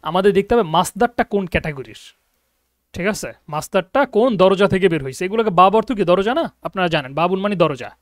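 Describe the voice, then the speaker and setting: A man's voice: high-pitched, animated, quick pace, no room sound. A man teaching an online Arabic grammar lesson, patiently explaining and often checking that students follow. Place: abroad in Egypt, teaching online.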